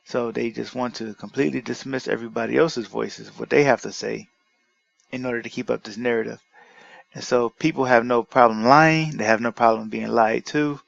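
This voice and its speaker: Gravelly-voiced man arguing a point. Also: mid-range voice, no room sound, highs cut off. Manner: indignant, argumentative, halting with restarts. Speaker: commentary vlogger. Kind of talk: reading an article aloud and rebutting it.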